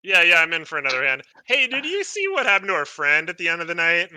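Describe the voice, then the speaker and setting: A man playing a character in a tabletop game, talking in a halting, hesitant way. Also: a little high, big pitch swings, sharp tone, clean tone. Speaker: player.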